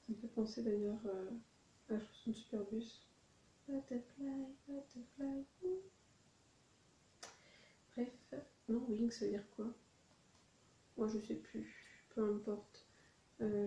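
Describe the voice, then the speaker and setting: Chatty woman with a dark, mellow voice. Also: medium pitch, reverberant, low-quality recording. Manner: rambling, self-correcting, chatty. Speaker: vlogger showing shopping haul. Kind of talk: casual chat.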